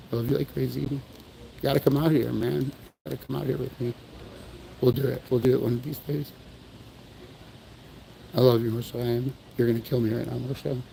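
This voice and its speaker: A man's voice: mid-range voice, vocal fry, mellow, a little hiss or hum, low-quality recording. A man livestreaming at an outdoor memorial, talking earnestly to viewers in a rambling way and often apologizing. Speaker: livestream host at a memorial event. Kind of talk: emotional livestream talk.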